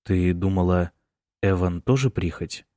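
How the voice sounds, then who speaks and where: A sullen, irritable young man, read by a man. He talks gruffly, as if through clenched teeth. Low voice, dry close sound. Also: unhurried, warm tone, no echo. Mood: irritated, sullen.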